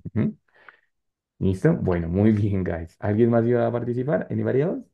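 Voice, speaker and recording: A man's voice: on the low side, lively intonation, moderate pace, creaky, narrow, tinny audio. A man teaching an English class online in Spanish, patient and encouraging as he explains and corrects students.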